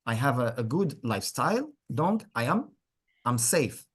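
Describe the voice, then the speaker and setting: Male English teacher, very varied intonation, slightly husky tone, deliberate and repetitive delivery in a pronunciation class. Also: mid-range voice, very animated. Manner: deliberate, repeats words for learners, encouraging. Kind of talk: interactive pronunciation lesson.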